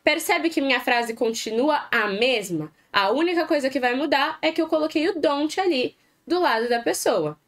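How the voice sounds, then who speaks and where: A woman with a Brazilian Portuguese accent teaching an exam-prep English video lesson, asking students to repeat examples spoken slowly. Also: sits high, animated, fairly bright tone.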